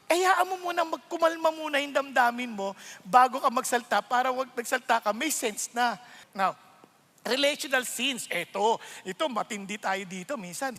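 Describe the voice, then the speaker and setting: Man, Filipino accent, sermon, high voice, animated, rhetorical questions, long hall reverb. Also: vocal fry. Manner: animated, rhetorical questions, mixes English into Tagalog. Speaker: preacher.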